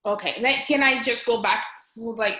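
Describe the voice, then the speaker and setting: This guest is a registered nurse who also owns a business: a woman in her 30s with a Haitian accent, talking at a normal pace in a sharp, fairly high voice. She's chatty on this casual podcast interview, laughing a lot and restarting sentences amid many fillers, all over echoey video-call sound in a roomy space.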